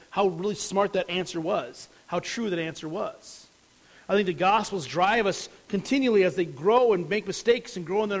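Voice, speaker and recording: A man's voice: high-pitched, rough recording. A man preaching a sermon as a pastor, explaining a passage earnestly and stressing key words.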